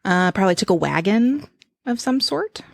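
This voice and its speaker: A woman hosting a podcast in casual chat, an animated storyteller who laughs often. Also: medium pitch, moderate pace, creaky, no echo, studio quality. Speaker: podcast host.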